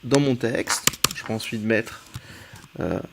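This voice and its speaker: A man from France teaching a relaxed screen-recorded coding tutorial, thinking aloud as he types and often pausing on "euh". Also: medium pitch, vocal fry, background noise.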